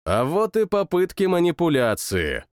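Male audiobook narrator, lively pitch, slightly high voice, dry close mic. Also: moderate pace, no room sound. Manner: lively, growling outbursts in quoted lines. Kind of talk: first-person audiobook narration.

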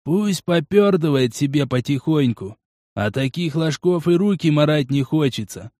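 A man voicing a brutish male biker thug who snarls and swears roughly, in an audiobook. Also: a little high, animated, normal speed, mellow, no echo, clean studio sound, close to an everyday voice. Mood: mocking. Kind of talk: audiobook character voice.

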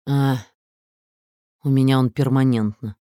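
A man reading an audiobook story, voicing a coarse, quick-tempered male president who snarls and hisses. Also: mid-range voice, steady tone, warm tone, clear, resonant tone, no room sound, studio quality, natural voice. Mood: gloomy. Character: gruff powerful middle-aged male president, contemptuous, quick to rage.

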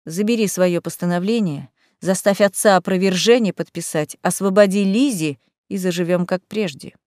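A woman's voice: fairly low pitch, normal speed, darkish tone, no room sound, clean studio sound, natural voice. A woman voicing a blunt, earnest young man standing up to his mother in a storybook. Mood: defiant. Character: plain-spoken young man, defiant son.

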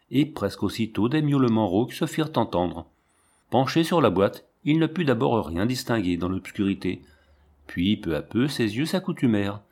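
A man narrating an audiobook in a measured, dramatic reading. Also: medium pitch, darkish tone.

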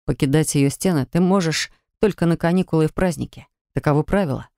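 A woman voicing a gentle young male student who speaks quietly and soothingly, lowering her voice for him. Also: fast, dry recording, studio quality. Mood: calm.

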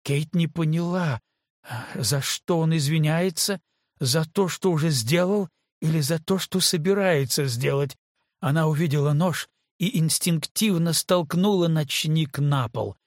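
A man reading an audiobook in measured scripted narration. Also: a little high, no room sound, studio quality.

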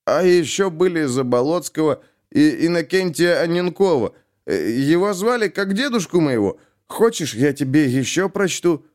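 A man's voice: a little high, big pitch swings, normal speed, few pauses, darkish tone, voice pushed up. A man voicing a drunk male police captain who slurs and recites poems theatrically. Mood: tipsy. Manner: slurring, theatrical poetry recital. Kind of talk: audiobook character voice.

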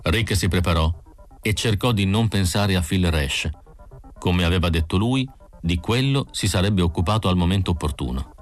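A man narrating an audiobook in a measured, even manner. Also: deep voice. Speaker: audiobook reader.

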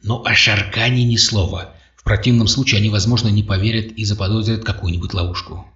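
A determined young hero speaks with firm resolve, voiced by a male audiobook reader. The low voice is heard at a distance. The audio is dull and carries room echo. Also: steady tone, fairly quick, fairly bright tone, lightly acted. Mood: resolute. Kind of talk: audiobook character voice.

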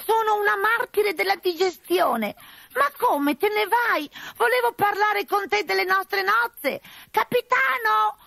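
A woman voicing a male servant disguised as a lady, with a shrill, simpering, theatrical manner. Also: a little slow, creaky, pushed and bright, dry recording, exaggerated voice.

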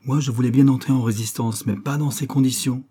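A man reads an audiobook in a medium-pitched, mellow, slightly rough voice that stays steady, fairly quick, and close to everyday speech. He voices Louis, a moody, stubborn doctor who defends himself in a pleading yet combative way.

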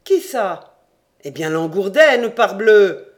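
A man's voice: high-pitched, big pitch swings, voice pushed up, exaggerated voice. Guy reading as a smug teasing boy in a storybook, voice pushed way up. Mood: mocking. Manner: teasing and quick-witted. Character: mocking cocky young lad, scornful.

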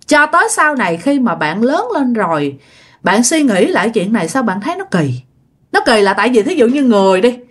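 Southern vietnamese woman telling ghost stories, chatty, voice bounces all over. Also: on the high side. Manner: chatty, animated, repeats words for effect. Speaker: storyteller. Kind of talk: retelling listener ghost stories.

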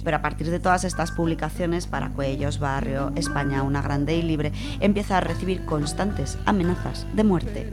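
A woman with a low voice and a Spain Spanish accent presents an informal biographical radio segment, talking from notes at a normal speed with few pauses. She chats with listeners through familiar, colloquial asides while music plays behind her.

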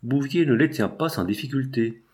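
A man voicing an aging, scheming provincial deputy who pleads and insists in a low, wheedling way. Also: normal speed, a little mellow, close to an everyday voice. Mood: insistent.

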